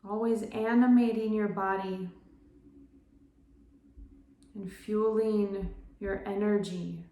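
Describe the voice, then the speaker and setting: A woman guiding a slow breath-counting meditation, giving gentle, measured instructions in short phrases with pauses. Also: mid-range voice, steady tone. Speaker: meditation guide. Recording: roomy, echoing sound.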